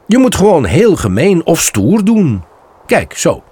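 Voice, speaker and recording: Give me a man playing a bold, teasing young rabbit from a storybook, slightly husky. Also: on the high side, huge pitch swings, measured pace, darkish tone, no room sound, voice pushed up, exaggerated voice. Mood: playful. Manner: playful and teasing. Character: cheeky young male rabbit, bold joker.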